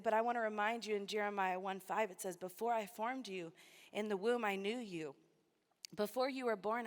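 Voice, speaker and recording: A woman preaching a sermon to a conference, emotional and close to tears at times. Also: mid-range voice. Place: large church hall. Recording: long church hall reverb.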